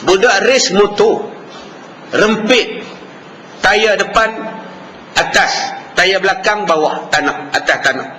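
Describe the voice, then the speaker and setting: A man preaching a lively sermon with a Malaysian Malay accent, acting out dialogue with shifting voices. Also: sits high, slow pace, pauses often. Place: mosque hall. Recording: reverberant hall with faint background noise.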